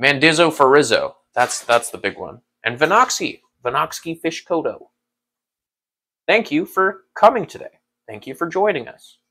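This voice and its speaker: Chatty, rather high-voiced male streamer. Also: normal speed. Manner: relaxed, rambling, laughs often, talks to chat. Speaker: livestream host. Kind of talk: casual livestream chat.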